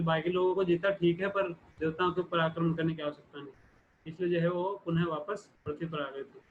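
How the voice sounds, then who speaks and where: A man giving a sermon, retelling a scripture story in a steady explanatory way with frequent restarts. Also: a little high. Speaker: preacher. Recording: phone-like lo-fi recording with faint hiss.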